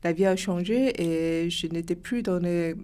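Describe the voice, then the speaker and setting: A woman's voice: fairly low pitch, a little slow, warm tone. Hesitant woman from China, searching for words. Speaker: club co-founder guest. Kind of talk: interview.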